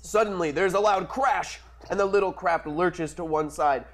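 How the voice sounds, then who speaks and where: A man's voice: sits high, moderate pace. A man reading scripted action narration at a casual comic table read.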